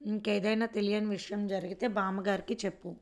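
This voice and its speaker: A kind elder sister-in-law speaks softly and soothingly, as a woman reading a story puts her on. Her tone stays level, with little rise and fall. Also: medium pitch, steady tone, a little fast, lightly acted. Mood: gentle. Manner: gentle, soothing advice.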